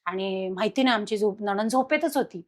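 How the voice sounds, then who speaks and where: A woman guest telling a personal haunting story in an animated, dramatic way. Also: mid-range voice, brisk. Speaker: podcast guest.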